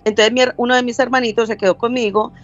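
A woman's voice: on the high side, fairly even intonation, fast, highs cut off. An older woman with a Colombian accent from Medellín, telling a story as a caller in a rambling way and acting out quoted lines. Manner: rambling, self-correcting, acts out quoted dialogue. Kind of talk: casual storytelling.

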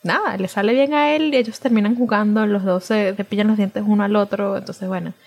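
Brief: mid-pitched woman, podcast co-host, warm casual storytelling. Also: a little fast, creaky. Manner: animated storytelling, acts out her own exasperated shouts. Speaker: podcast co-host, doctor and mother. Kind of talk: casual chat.

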